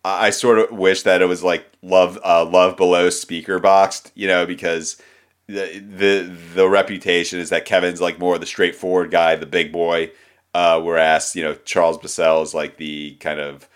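A man's voice: low-pitched, level tone, moderate pace, smooth. A man from the United States co-hosting a music podcast, rambling in a loose, self-deprecating way. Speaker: podcast co-host. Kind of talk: casual chat.

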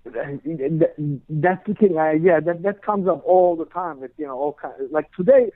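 Over a dry, tinny phone line with no room sound, a guitarist from Turkey rambles through a casual interview, filling it with "you know" and "like." He speaks in a high-pitched voice, unhurried, with vocal fry.

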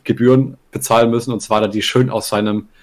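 Young male podcast co-host, rapid storyteller, slangy, giggles mid-line. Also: on the low side, steady tone, darkish tone. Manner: rambling, crude slang, laughs mid-sentence, many "ne?" tags. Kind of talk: casual storytelling chat.

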